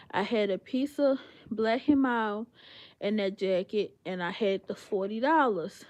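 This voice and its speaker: A young woman with a high voice tells a heated story to her livestream audience. She sounds indignant and swears freely, with lots of "like" and "you know" between clauses. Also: darkish tone. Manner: profane and indignant, with frequent fillers.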